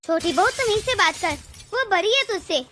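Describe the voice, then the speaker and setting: A woman's voice: extremely high pitch, animated, moderate pace, pushed and bright, a little hiss or hum, heavily acted. A woman voicing an old, bossy mother-in-law in a cartoon, giving orders and scolding. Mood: commanding. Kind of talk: cartoon voice acting.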